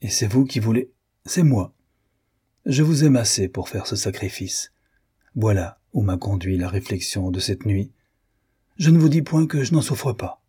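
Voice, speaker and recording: A grave husband confessing his failings in a firm, cold, grieving tone, read by a man. The voice is low and mellow with a husky edge. It comes from a spoken audiobook. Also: animated, unhurried, heavily acted. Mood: grave remorse. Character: stern, remorseful husband, grave and proud. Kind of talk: audiobook reading.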